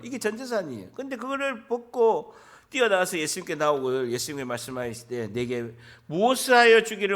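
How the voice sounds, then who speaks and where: Male pastor, church sermon, bright sharp voice, very lively intonation, emphatic. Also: high-pitched. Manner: emphatic, rising to loud exhortation.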